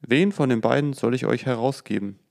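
A man's voice: mid-range voice, fairly quick, vocal fry, a little mellow, close to an everyday voice. A man reading the lines of a Roman governor in a questioning, slightly raised voice within a Bible reading.

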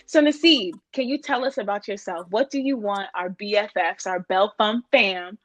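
A woman's voice: medium pitch, normal speed, a bit bright, dry recording. A woman hosting a podcast who asks her co-host playful, teasing questions. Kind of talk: casual chat.

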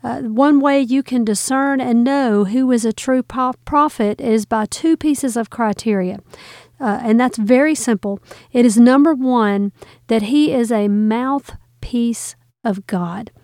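A woman's voice: a little high, measured pace, a little mellow, no room sound, studio quality. A woman hosting a podcast, explaining Bible words in an earnest, teacherly way. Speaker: podcast host.

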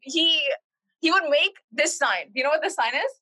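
A woman's voice: high voice, animated, normal speed, bright, forceful tone, low-quality recording. A young woman from India co-hosting a casual podcast, teasing her co-host with sarcastic comebacks.

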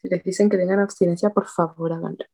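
A young Chilean woman with a very dark, mellow voice muses in slangy chat. She speaks in a flat, even tone, recorded dry and close. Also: fairly low pitch, fast, no echo. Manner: slangy, musing. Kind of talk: casual chat.

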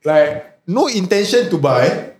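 A man's voice: high-pitched, very animated, takes it slowly, a little mellow, a little hiss or hum. A young man with a Singaporean accent chatting casually and telling anecdotes in a slangy, bantering way. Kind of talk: casual chat, animated storytelling. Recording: roomy, echoing room sound.

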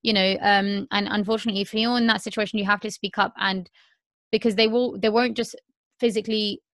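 Woman in her thirties as an earnest podcast host, middle pitch, dry studio sound. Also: little pitch movement, a little fast, no room sound. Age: 30s. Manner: earnest, repeats herself, many "um"s. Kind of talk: candid podcast conversation.

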